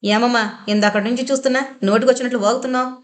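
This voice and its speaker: A woman's voice: a little high, fairly even intonation, racing, voice pushed up, natural voice. A woman voicing a scheming young sister-in-law who answers rudely and mockingly in a storybook reading. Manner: rude, mocking.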